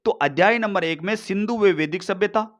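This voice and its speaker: A man teaching an exam-prep lesson, talking fast and repeating himself, often calling viewers brother. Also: high-pitched, a bit bright. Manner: rapid, repetitive, addresses viewers as brother.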